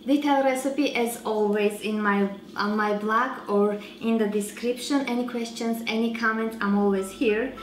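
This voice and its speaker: A woman in her thirties hosting a home cooking show, giving slow, relaxed instructions with frequent fillers while she works. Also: on the high side, roomy sound, slight background noise, low-quality recording. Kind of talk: cooking demonstration. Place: large home kitchen.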